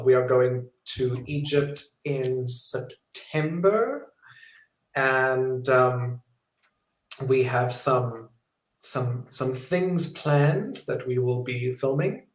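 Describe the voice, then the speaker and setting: A documentary filmmaker answering interview questions in a friendly, chatty way, with frequent ums. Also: male voice, medium pitch. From South Africa. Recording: roomy echo.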